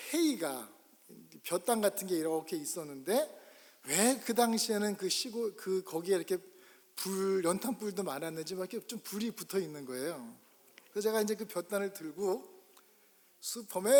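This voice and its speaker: A male pastor from South Korea telling a childhood story in a sermon, animated and acting out scenes, in a church sanctuary. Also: sits high. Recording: long church reverb.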